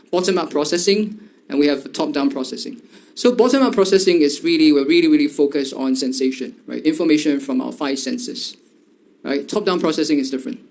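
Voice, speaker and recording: Man lecturing with a gravelly voice. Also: a little high, darkish tone. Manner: filler-heavy, repeats "right?" and "okay". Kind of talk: university lecture.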